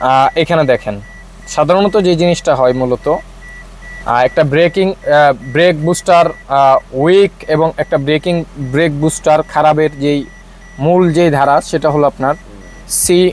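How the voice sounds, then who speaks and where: A man's voice: fairly high pitch, normal speed, pauses often, darkish tone, a little hiss or hum. A man with a Bangladeshi accent, a car mechanic explaining a fault while he works, with many filler sounds. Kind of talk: workshop demonstration.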